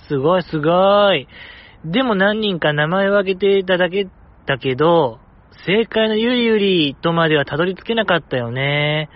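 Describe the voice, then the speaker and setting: A man voicing a cheeky teenage gal schoolgirl in a slow, drawling, gal-style reading. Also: high-pitched, highs cut off.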